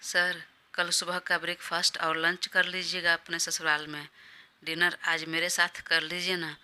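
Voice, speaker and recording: A woman's voice: fairly low pitch, sharp tone, smooth. A woman reading a storybook part, voicing a scheming young female assistant who pleads and coaxes her boss. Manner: pleading, coaxing.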